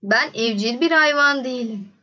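A woman voicing a wise wild fox in a storybook, calm and explaining patiently. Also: a little high, moderate pace, muffled recording.

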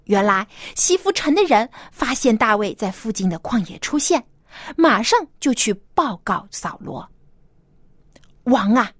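A woman's voice: fairly high pitch, big pitch swings, normal speed, dry recording. A woman hosting a children's story programme, narrating expressively as if reading to a small child, with simple explanations and coaxing questions.

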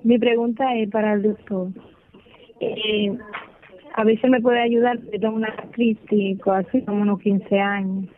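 A woman's voice: mid-range voice, flat delivery, unhurried. Woman on a crackly phone line. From Dominican Republic. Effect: crackly, breaking-up phone line. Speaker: caller. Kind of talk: call-in question to a doctor. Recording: tinny, choppy telephone line.

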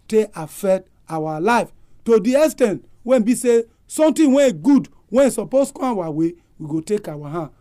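A woman pastor with a Nigerian accent exhorts and prays in Pidgin. The voice is soft-edged and dark, with a very lively rise and fall. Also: lowish voice.

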